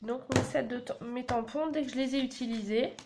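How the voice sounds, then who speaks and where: A woman's voice: on the high side, steady tone, brisk. A woman, chatting through a card-making tutorial and explaining each step as she works. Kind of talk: casual crafting tutorial. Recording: audible background noise.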